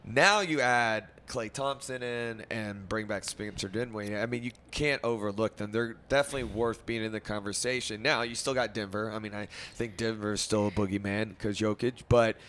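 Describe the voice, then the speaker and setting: A man co-hosts a casual sports podcast in a lowish, sharp, forceful voice. He is keen but halting and keeps restarting his sentences. A faint noise sits behind him. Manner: enthusiastic, halting, repeats himself. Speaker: podcast co-host.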